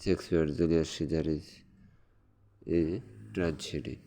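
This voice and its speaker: A man's voice: extremely low pitch, fairly even intonation, mellow. A man tutoring for an exam, reading quiz questions and answers one by one, with hesitations and fillers. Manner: reads quiz questions slowly, then explains in quick asides. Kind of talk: exam-prep lesson.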